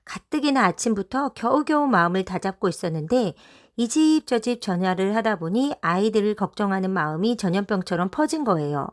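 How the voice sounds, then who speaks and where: A woman teacher reading a children's storybook aloud, with a lively, expressive telling. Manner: lively, voices the mothers with quick pitch jumps.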